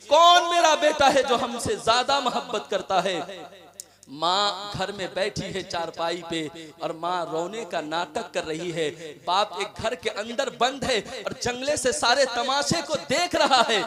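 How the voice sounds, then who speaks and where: Man, preacher, fervent sermon, very high-pitched, exhorting, audience noise behind. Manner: fervent, exhorting, swings between shouting and hushed storytelling. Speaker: Islamic preacher. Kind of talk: impassioned Urdu-Hindi sermon. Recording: crowd heard behind the voice. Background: crowd noise.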